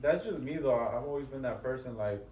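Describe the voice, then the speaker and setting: A man, co-hosting a podcast in relaxed, slangy talk that mixes English and Spanish. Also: mid-range voice, quick pace, a crowd in the background. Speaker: podcast co-host. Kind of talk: casual chat. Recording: echoey room, distant mic.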